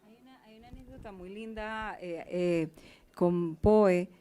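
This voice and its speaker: A woman's voice: mid-range voice, measured pace, warm tone, smooth. A woman hosting a poetry talk in a café, asking questions with many hesitations. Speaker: host, interviewer. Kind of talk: conversational interview. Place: café event in Cali.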